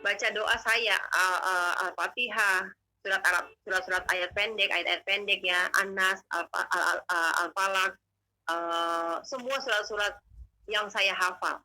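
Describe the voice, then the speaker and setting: A woman telling her testimony as a guest, in animated, emotional, slangy conversational storytelling. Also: mid-range voice, measured pace, faint music behind, rough recording.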